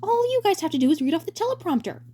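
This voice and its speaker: A woman's voice: very high voice, sing-song, rapid-fire, mellow, voice pushed up. A woman voicing a grinning, pushy male turtle director in a cartoon story, with a hammy, theatrical salesman delivery. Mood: eager, pushy. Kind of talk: dramatic reading of a cartoon fan story.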